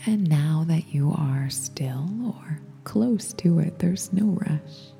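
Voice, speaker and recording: A woman leading a guided meditation in a soft, breathy spa whisper, soothing, gentle and unhurried. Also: deep voice, lively intonation. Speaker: guided rest meditation instructor. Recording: long reverberant echo, faint music behind.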